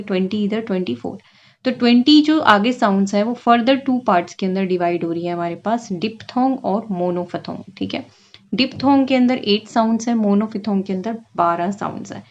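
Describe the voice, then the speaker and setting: A woman's voice: mid-range voice, a little mellow, dull audio. A woman teaching exam-prep lessons, explaining terms and past questions and often checking in with "ठीक है?" as she goes. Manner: frequent checking "ठीक है?", drawn-out reading of English questions.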